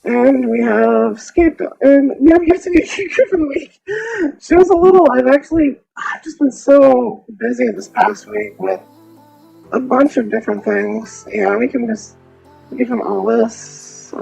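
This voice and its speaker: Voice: mid-range voice, measured pace, creaky, dark tone, breathy edge, soft background music, rough recording. A VTuber streamer talking through a voice changer filter, chatting casually with viewers while gaming and often trailing off mid-sentence.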